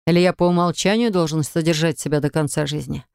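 A woman reading the lines of a calm, decisive husband in an audiobook, matter-of-fact. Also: sits low, fast, vocal fry, smooth, dry recording, clean studio sound. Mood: firm. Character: cool, decisive husband, grown man. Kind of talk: audiobook character voice.

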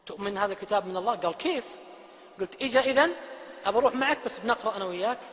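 High, bright, fast-talking preacher man. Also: slight background noise. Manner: animated, swings from loud emphatic to hushed. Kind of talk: sermon. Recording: long hall reverb.

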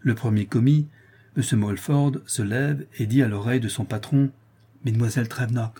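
Husky man reading a novel aloud. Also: medium pitch, normal speed, mellow. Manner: reads a novel aloud, lifting his voice slightly for the characters' lines. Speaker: audiobook narrator. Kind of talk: scripted narration.

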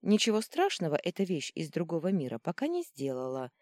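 A woman's voice: on the low side, huge pitch swings, a little fast, a little mellow, no echo, clean studio sound. A woman voicing a kind, capable young sorceress who speaks reassuringly in an audiobook. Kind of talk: audiobook reading.

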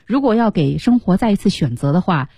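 A woman's voice: mid-range voice, lively intonation, a little fast, mellow, husky, dry recording, studio quality. A woman co-hosting an English lesson on radio, explaining song lyrics and humming bits of the melody. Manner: explains lyrics, hums and sings the melody in snippets. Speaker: radio English teacher and co-host.

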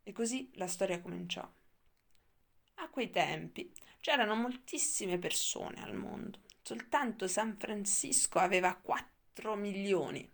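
A woman narrating a novel in a measured, steady audiobook reading. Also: medium pitch, gravelly. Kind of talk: scripted literary narration.

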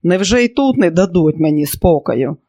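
A man's voice: high voice, moderate pace, no room sound. A man reading an audiobook, voicing a coarse, drunken boardinghouse manager of about thirty. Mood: angry. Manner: coarse, rude, shouting.

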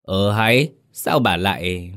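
A man voicing a cruel, bad-tempered old village chief who shouts and scolds. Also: deep voice, animated, slow, exaggerated voice. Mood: angry scolding.

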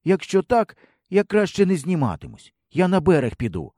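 A man's voice: high voice, huge pitch swings, moderate pace, dark tone, dry recording, studio quality, voice pushed up, heavily acted. A man voicing a stubborn young village boy who talks earnestly.

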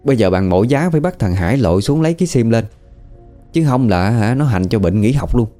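A man's voice: medium pitch, animated, fast talker, warm tone, faint music behind. A man with a Southern Vietnamese accent casually retelling a spooky family story in a chatty, folksy way, sometimes voicing what people said. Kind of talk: casual spoken ghost story.

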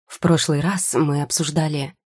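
A woman's voice: deep voice, steady tone, moderate pace, a little mellow, breathy edge, dry recording. A woman voicing a teasing young male potion-maker who needles his rival with dry, mocking questions. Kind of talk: audiobook character voice.

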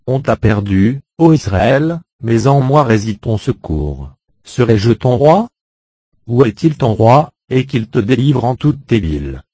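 A man reading a Bible chapter aloud in a measured, solemn way. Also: mid-range voice, sing-song, warm tone, no echo. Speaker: Bible reader. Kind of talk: scripted scripture reading.

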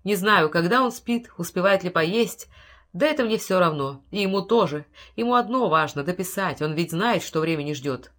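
A woman's voice: fairly low pitch, expressive, normal speed, a bit bright. A woman reading an audiobook, voicing a frail old man who pleads with breathless urgency. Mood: excited. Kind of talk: audiobook character voice.

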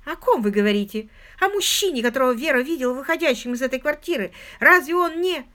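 A woman voicing a prim, excitable older spinster who talks in a fussy, insistent rush in an audiobook. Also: sits high, fast talker, voice pushed up. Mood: eager, alarmed.

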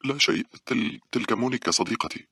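A man's voice: fast, slightly rough, no echo, clean studio sound. A man reading aloud, voicing a frightened young woman in a horror story with a raised, anxious voice. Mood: relieved. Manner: anxious, breathless, high-pitched pleading.

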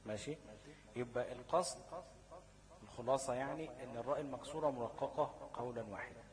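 A man's voice: mid-range voice, fast, rough recording. A man with an Egyptian accent teaching a recitation class, constantly quizzing students with "what?" and "okay?" checks. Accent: Egyptian Arabic. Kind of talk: classroom lesson. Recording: class chatter behind the voice.

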